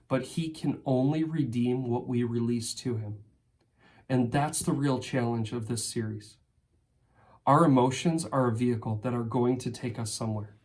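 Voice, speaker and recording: A man preaching a sermon as pastor, earnest and emphatic, often dropping to a soft, quiet voice and voicing heartfelt prayers. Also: medium pitch. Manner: acts out heartfelt prayers in first person.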